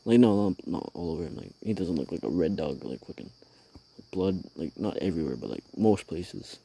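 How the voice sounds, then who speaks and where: A man's voice: low voice, expressive, normal speed, creaky, warm tone, a little hiss or hum. A man hosting his own show, telling a rambling, profane story in casual slang while sitting outdoors at night. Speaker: podcast host.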